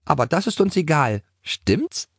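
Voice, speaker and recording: A man voicing an excitable young girl who rides a pony, in a children's audiobook. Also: on the high side, unhurried, vocal fry, husky, no room sound, clean studio sound, voice pushed up, heavily acted. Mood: teasing.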